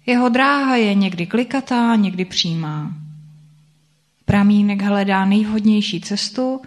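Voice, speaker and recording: A woman reads her own story aloud in the first person. Her delivery is soft and reflective, at an ordinary mid pitch. She muses gently over each thought. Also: expressive.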